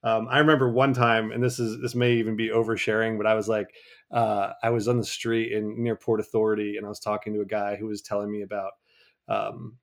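A young man hosting a podcast, earnest and conversational, growing animated when retelling a story. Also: on the low side, fairly quick. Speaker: podcast host.

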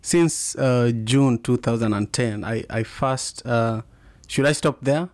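A man's voice: medium pitch, takes it slowly, darkish tone, dry recording. Kenyan-accented man hosting, close dry sound. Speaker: podcast host. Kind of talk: casual conversational interview.

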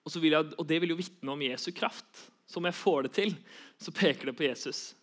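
A young man giving an earnest sermon, repeating key phrases for emphasis. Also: a little high. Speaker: preacher.

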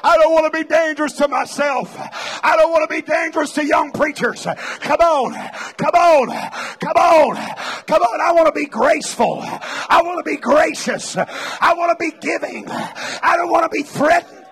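At a revival meeting in a large church, a Pentecostal preacher with a very high voice shouts to the crowd at a moderate pace. He urges them on with repeated exhortations and at times breaks into tongues.

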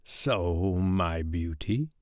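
A man voicing a gloating, menacing pirate captain who draws out his words slowly in a storybook reading. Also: deep voice, expressive, darkish tone, dry recording, clean studio sound, exaggerated voice. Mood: gloating menace. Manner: slow, drawn-out, roaring or syrupy menace.

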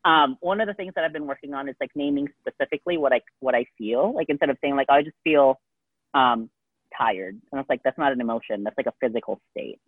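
A man's voice: mid-range voice, racing, few pauses, husky, dry recording. A man co-hosting a podcast in casual chat, rambling with lots of "like" and "um" fillers. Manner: rambling, heavy use of "like" and "um". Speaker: podcast co-host. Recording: tinny phone-like dry sound.

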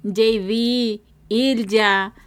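A woman's voice: fairly high pitch, fairly even intonation, extremely slow, clear, resonant tone. A woman co-hosting a podcast, giving her opinions in an informal, conversational way. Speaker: podcast co-host. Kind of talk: casual chat, giving opinions.

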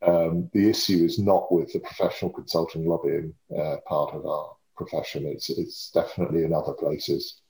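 A man in his fifties speaks in a low voice with a home counties English accent. He talks conversationally as an interview guest, articulate but often hedging and correcting himself, and the room around him sounds echoey. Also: little pitch movement, moderate pace, hardly any pauses, a little mellow. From Surrey, England. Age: 50s. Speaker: interview guest, lobbying and communications professional.

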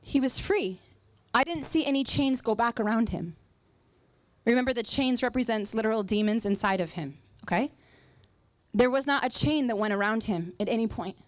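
A woman's voice: fairly high pitch, expressive, normal speed, no room sound. A woman preaching a sermon with an acted illustration, emphatic and repeating phrases for emphasis.

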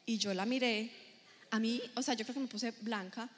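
Animated woman telling stories in a reverberant hall. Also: fairly high pitch, normal speed. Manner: animated storytelling, acting out quoted dialogue. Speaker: motivational speaker and entrepreneur. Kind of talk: motivational storytelling talk. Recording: reverberant hall, faint ambience.

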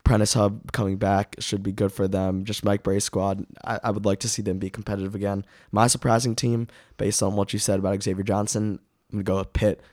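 A man hosting a casual sports preview podcast, his voice raspy as he is under the weather with a cough. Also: lowish voice, level tone, fairly quick, hardly any pauses, a little mellow, dry recording, clean studio sound.

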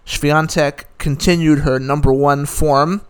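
A man's voice: fairly high pitch, steady tone, takes it slowly, clear, resonant tone. A man giving a casual, opinionated recap of the day's tennis results, rattling off scores with dry asides. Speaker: tennis commentator.

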